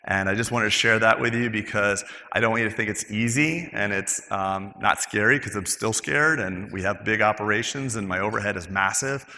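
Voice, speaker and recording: A middle-aged man with a low, bright and forceful voice tells a candid personal story. He swears freely. The sound carries a long hall reverb. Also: fairly quick, few pauses. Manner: candid, emotional, swears casually. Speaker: dentist, practice owner. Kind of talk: personal story told to a group.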